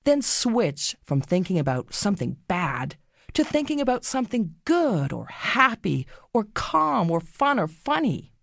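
A woman narrates a scripted guided meditation story for children, unhurried, soothing and gently instructive. Her pitch moves melodically with big swings, her voice has a gravelly quality, and the sound is close and dry.

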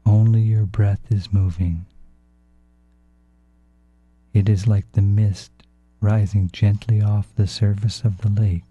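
A man narrating a guided relaxation in a soft, hushed, calm and unhurried way, as a meditation guide. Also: fairly low pitch, slightly rough. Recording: dull, roomy, echoing sound.

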